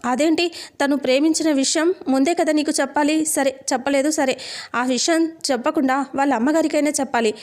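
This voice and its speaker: A firm, probing elder sister who presses with pointed questions, read out by a woman. Her voice is high-pitched and flat, and the scolding comes across steady rather than acted big. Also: a little fast, lightly acted.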